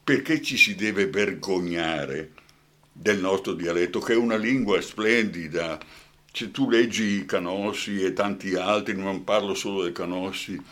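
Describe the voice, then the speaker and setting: A man's voice: low-pitched, a little slow, fairly bright tone. An older man with a Brescian accent, an actor guest in a radio interview, talking passionately and often asking "hai capito?".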